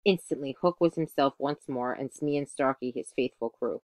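A woman teacher reading a children's story aloud, expressive, now and then correcting a slip. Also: extremely low pitch, normal speed, dry recording. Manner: expressive, occasional self-corrections.

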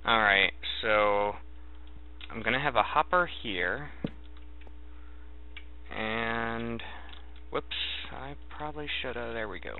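A man giving casual, halting game commentary, thinking aloud as he plays. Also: mid-range voice, slight background noise. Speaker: gamer narrating a let's play. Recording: thin, narrow phone-like sound.

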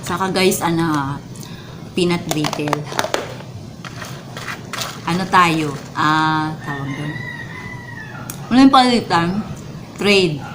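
Clear background noise surrounds a Filipino woman with a slightly low voice. She chats casually to her viewers in a mukbang eating vlog, savouring the food as she talks. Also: takes it slowly, long pauses. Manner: chatty, addresses viewers directly. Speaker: vlogger.

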